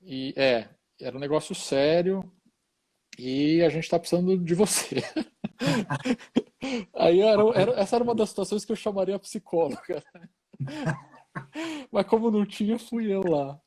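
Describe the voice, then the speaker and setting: A man's voice: high-pitched, lively intonation, measured pace, long pauses, warm tone. A middle-aged Brazilian man, a hospital chaplain, telling a story in an easygoing, casual conversation and tagging many phrases with short questions.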